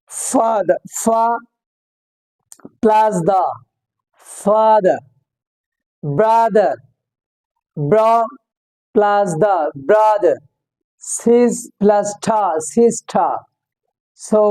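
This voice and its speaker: A teacher speaks extremely slowly, drawing out every word. The voice is warm and mellow. Words are repeated over and over and split into their parts for learners. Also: medium pitch, poor audio. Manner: repeats each word several times and breaks words into parts; switches between English and Bengali explanations. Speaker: English teacher. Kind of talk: recorded online lesson.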